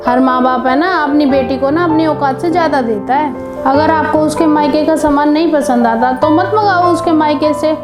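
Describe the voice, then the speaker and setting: A woman voicing a sensible, kind middle-aged relative who reasons calmly and admonishes. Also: high voice, lightly acted. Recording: piano music behind.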